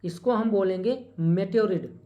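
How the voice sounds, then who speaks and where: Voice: mid-range voice, phone-quality sound. Teacher repeating terms, quizzing the class. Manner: repeats key terms and asks rhetorical questions; corrects small slips with a quick "sorry". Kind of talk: exam-prep lecture at a board.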